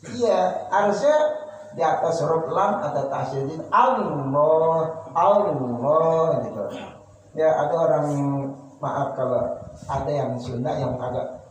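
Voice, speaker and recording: Religious teacher, male, higher voice, unhurried drilling delivery, distant roomy recording with faint room noise. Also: a little mellow. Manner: patient, repeats and drills each pronunciation. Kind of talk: religious study lesson. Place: prayer room.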